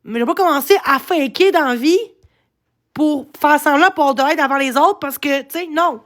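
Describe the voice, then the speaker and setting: A Québécois woman with a very high voice rants to her live-stream viewers. She sounds agitated, rambles from one complaint to the next and swears often. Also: normal speed, a bit bright. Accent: Québécois French. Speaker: livestreamer. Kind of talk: casual live-stream rant.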